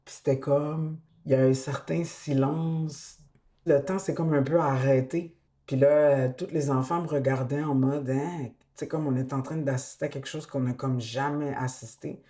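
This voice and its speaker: A woman's voice: extremely low pitch, fairly even intonation, moderate pace, dark tone. A woman, thoughtfully recounting a childhood memory in a documentary interview. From Quebec.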